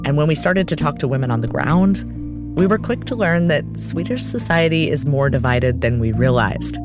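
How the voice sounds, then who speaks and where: A woman hosting a podcast, narrating from a script in a clear, measured way. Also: low voice, expressive, over music. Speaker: podcast host.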